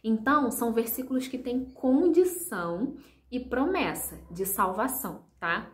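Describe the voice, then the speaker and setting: A woman's voice: fairly high pitch, animated, a little slow. A woman explaining step by step how to lead children's ministry, talking directly to viewers in a patient, encouraging way with many fillers. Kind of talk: instructional video talk.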